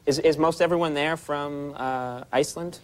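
A man hosting a late-night talk show in a TV studio, quick and joking with stumbling restarts. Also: on the high side, steady tone. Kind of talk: talk-show host interview. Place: TV studio at a desk.

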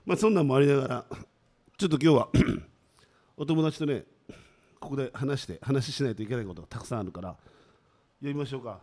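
A man's voice: mid-range voice, animated, brisk, long pauses, a little mellow. A man, hosting a casual comedy radio talk in a sardonic, self-mocking, grumbling way. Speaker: radio show host. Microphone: studio microphone.

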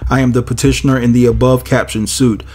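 This commentary host talks fast in a level, mid-range voice that's a little mellow, though a head cold leaves him nasal, and soft music plays underneath. He reads from a court filing, then turns casual and shares his take, addressing viewers as "guys" and "y'all."

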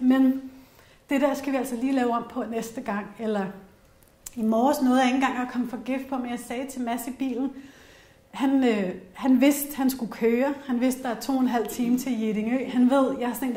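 A woman's voice: fairly high pitch, fairly even intonation, mellow. A middle-aged woman with a Danish accent giving a casual workshop talk to a small group, chatty and candid, with frequent fillers and personal anecdotes. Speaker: workshop presenter on essential oils. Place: workshop room with an audience. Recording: roomy echoey workshop room.

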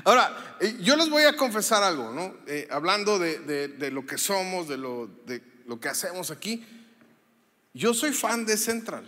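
A pastor preaches in a bright, high voice, telling stories and tossing asides to the crowd. His words ring with a long reverb through the church auditorium. He sounds like a man in his thirties. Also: sing-song, normal speed. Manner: chatty storytelling, many fillers and asides to the audience. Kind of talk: sermon.

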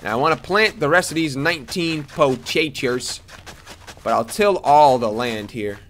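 A young man giving casual commentary as he plays a game, chatty and excitable, talking to the characters on screen. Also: a little slow, slight background noise. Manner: excitable, jumps to high squeals. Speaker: let's play gamer.

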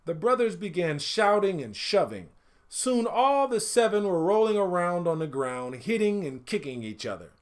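A middle-aged man with a high voice performs a picture book aloud indoors, in a small home studio room. His storytelling is expressive, with deliberate, emphatic phrasing that trails off as each phrase ends.

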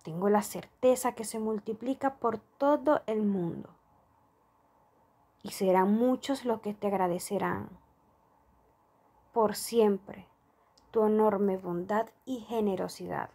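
A woman reading a prayer and money affirmations aloud in a slow, soft, devotional manner. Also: medium pitch, breathy edge. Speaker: prayer reader.

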